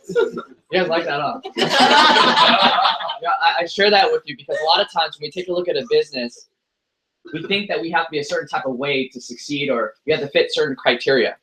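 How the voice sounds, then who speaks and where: A man in his 20s from the United States, a motivational speaker, addresses an audience with a talk full of self-deprecating jokes and stories. His voice is on the high side, and the room is echoey.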